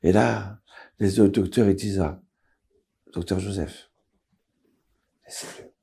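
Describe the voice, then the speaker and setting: Husky rabbi telling a dramatic story. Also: male voice, low-pitched, steady tone, a little slow. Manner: dramatic, drops to a hush.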